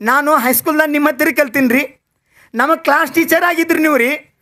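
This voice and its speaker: A man's voice: very high voice, fairly even intonation, a little slow, pushed and bright, voice pushed up, exaggerated voice. A man voicing a grown former pupil who tearfully and respectfully pleads before his old teacher.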